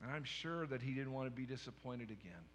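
A man's voice: medium pitch, brisk, fairly bright tone, big-room sound, slight background noise. A male pastor giving a sermon, telling the story with humor and acting out the scenes.

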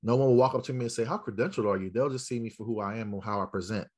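A man's voice: on the low side, very fast, darkish tone. An American man, an educator speaking as a podcast guest, tells stories emphatically and puts rhetorical questions straight to his listeners. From South Central Los Angeles, United States. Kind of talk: storytelling interview answer to a live audience.

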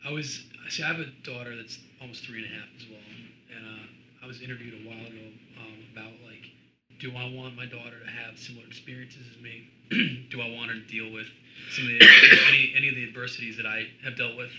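Fast-talking host in a roomy space. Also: male voice, mid-range voice, steady tone. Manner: quick, hesitant with fillers. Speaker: podcast host. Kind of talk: casual chat. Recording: roomy with background noise.

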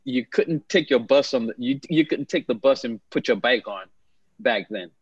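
As a guest in an interview, a man in his fifties who came from Haiti shares his life story in an easygoing, conversational manner, tending to repeat words. His voice is medium-pitched and slightly rough at a normal pace, with lo-fi sound and no room sound.

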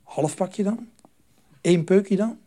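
Man doing a sly tempting monster, coaxing, slightly high, dark mellow voice. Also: slow pace. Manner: wheedling, coaxing. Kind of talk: storytelling to a group.

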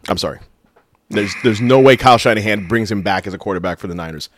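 A man's voice: lowish voice, quick pace, no room sound, clean studio sound. A man with an American accent in a casual sports debate, insistent and contrary, often repeating himself for emphasis.

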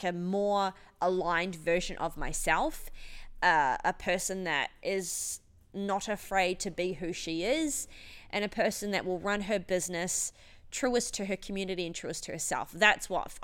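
A woman's voice: on the low side, moderate pace, fairly bright tone, clean tone. A woman, a gym owner talking in a rambling, emotional, sweary monologue. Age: 30s. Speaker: gym owner and podcast host. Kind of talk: casual monologue.

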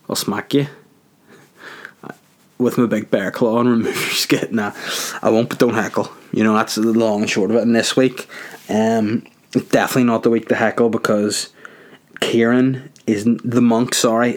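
A young man, hosting a solo podcast from his garage in a rambling, crude, jokey way. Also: fairly low pitch. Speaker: podcast host.

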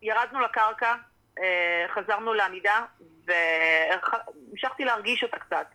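Gravelly, bright-toned young woman. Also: low-quality recording. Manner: animated, drops into high acted-out quotes. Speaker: podcast guest, professional fighter. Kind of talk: casual interview talk.

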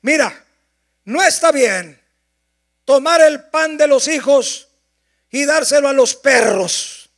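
Pastor doing a solemn authoritative teacher, slow and high. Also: male voice, expressive, a bit bright, full character voice. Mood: stern. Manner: solemn, proclaiming. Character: stern teacher figure speaking with authority.

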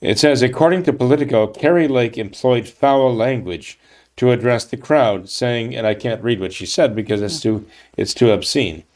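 A man's voice: medium pitch, normal speed, a little mellow. A man giving a political commentary monologue, reading from a news article and reacting indignantly, with frequent restarts and tag questions. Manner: emphatic, indignant, with frequent restarts and "okay? right?" tags.

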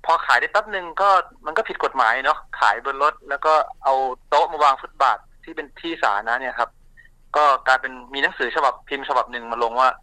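A man speaking as an interview guest, recounting his family shop's story in a relaxed, chatty way with many fillers and restarts. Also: medium pitch, quick pace, dry recording, rough recording.

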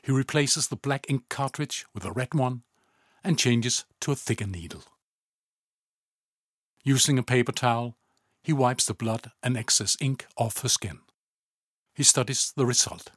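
A man reading a story aloud in calm, even scripted narration, often low and hushed. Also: unhurried, pauses often, slightly rough, no room sound, clean studio sound.

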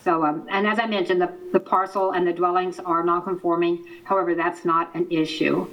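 A lowish-voiced woman presents in a measured, explanatory way over a video call. Her audio sounds distant and keeps breaking up and cutting out as the connection fails. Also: flat delivery. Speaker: city planning staff presenter. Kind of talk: formal presentation at a public meeting. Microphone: remote video call.

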